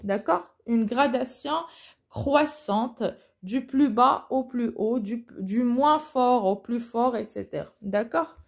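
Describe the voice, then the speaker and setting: A woman French teacher correcting an exam, talking slowly with many hesitations and self-corrections, recorded on a phone. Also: a little high, creaky. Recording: phone recording, voice slightly off-mic at times.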